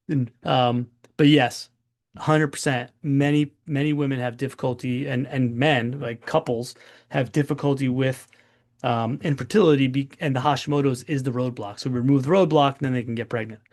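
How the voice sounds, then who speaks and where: A man's voice: mid-range voice, steady tone, moderate pace, darkish tone. A man in his forties hosting a casual webinar Q&A as a doctor, chatty and long-winded. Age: 40s.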